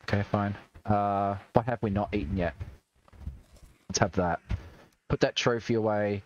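This gaming livestream features a young Australian man who banters, jokes and swears during play. His fairly low, slightly mellow voice moves at a measured pace, with the highs cut off and a little hiss or hum.

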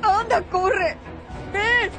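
A woman's voice: extremely high pitch, fairly even intonation, very slow, a bit bright, some chatter behind, full character voice. An urgent pleading older woman. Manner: urgent and pleading, giving orders. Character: tense older woman urging a young woman on. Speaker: dubbing actress in a soap opera. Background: dramatic background music.

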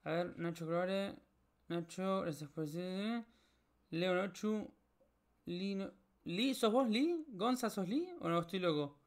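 Young male streamer, Rioplatense accent, loose and jokey, a touch high-pitched. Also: takes it slowly. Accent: Rioplatense Spanish. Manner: rambling, joking, swears a lot, talks to chat. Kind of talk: casual live-stream chat while solving a puzzle.

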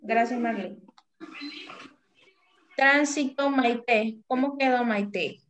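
A woman's voice: fairly high pitch, fairly bright tone, a little hiss or hum. Patient woman teacher on a video call. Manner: patient, calls on pupils by name, drills syllables slowly. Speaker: primary school teacher. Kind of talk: online class over video call. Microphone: video call microphone.

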